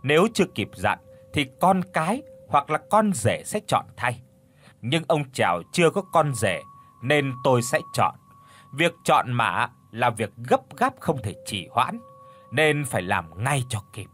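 Storybook role: a commanding older shaman in the voice of a middle-pitched male reader, a man doing it. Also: sing-song, unhurried, a bit bright, slight background noise. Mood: stern. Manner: instructive, commanding, ritual explanations.

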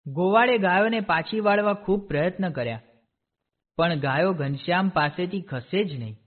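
A man reads a devotional storybook aloud in a steady, clear voice. His voice sits high for a man. The sound is narrow and tinny, like a phone line. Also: moderate pace. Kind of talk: storybook narration.

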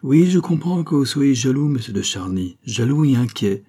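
A man reading an audiobook, voicing a proud, wounded queen who speaks with sharp irony and rising fury. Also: medium pitch, expressive, normal speed, pitched above the performer's own voice, lightly acted. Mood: furious.

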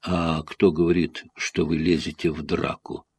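A lanky cowboy with a blunt, drawling delivery, as a male reader plays him. The voice is low and husky, recorded close and dry. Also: level tone, unhurried, a little mellow, no room sound, full character voice.

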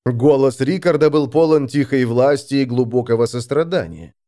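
A man narrating an audiobook in a dramatic, expressive reading. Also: mid-range voice, moderate pace. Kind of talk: scripted narration.

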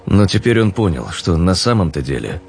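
A man narrating an audiobook in a measured, descriptive storytelling manner. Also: low-pitched, big pitch swings, creaky, darkish tone, slight background noise.

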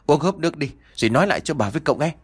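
Guy doing a snappy old mom scolding fast, higher voice. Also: expressive, husky. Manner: sharp, scolding. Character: scolding older village mother.

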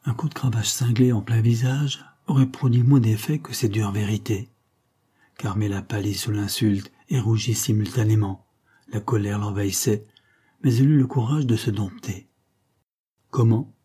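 A man narrating a classic novel aloud in a measured, dramatic reading. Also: fairly low pitch, steady tone, mellow, husky. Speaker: audiobook narrator.

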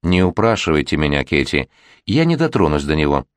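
A man's voice: extremely low pitch, big pitch swings, brisk, clean tone, dry recording, studio quality. A man voicing an unhappy young woman who dreads her wedding, in a read-aloud storybook. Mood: gloomy. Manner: pleading, gloomy. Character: sad reluctant young bride-to-be, quiet.

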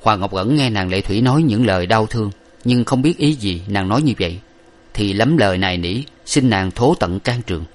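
A man narrating an old novel as an audiobook, in a steady, measured manner. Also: fairly low pitch.

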